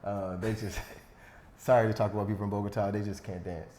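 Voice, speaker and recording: This podcast host speaks briskly in a lowish, level voice with a dark tone. The talk is a casual interview chat, easygoing and sprinkled with self-deprecating humor, captured in an echoey room.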